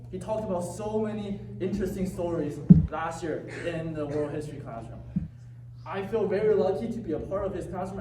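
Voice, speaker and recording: A man's voice: sits high, roomy sound, recorded from a distance, background noise. A young man, a student, introducing the next speaker at a school event in an earnest, slightly hesitant way. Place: event hall.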